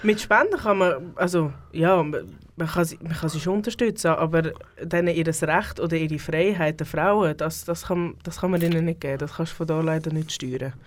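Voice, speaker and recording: A woman speaks with a Swiss German accent as a studio guest on a radio talk show. She hesitates often, filling pauses and restarting her sentences. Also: sits low. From Switzerland. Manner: hesitant, many fillers and restarts. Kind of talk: radio interview.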